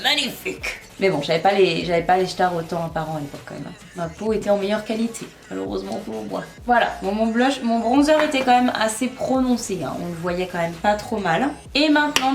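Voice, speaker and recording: Chatty woman vlogger in an echoey room. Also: mid-range voice. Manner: chatty and self-mocking, talks while working. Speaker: beauty vlogger. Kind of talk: casual makeup tutorial chat. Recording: echoey room, faint music.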